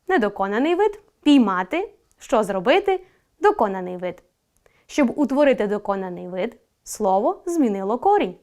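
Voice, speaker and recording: Lively-voiced woman teaching a grammar lesson. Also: on the high side. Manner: clear, deliberate dictation of word pairs with rising question tones. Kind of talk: scripted online grammar lesson.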